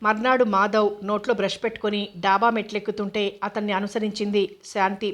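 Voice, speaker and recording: Woman reading a novel in a flat voice. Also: mid-range voice, a little fast. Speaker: audiobook narrator.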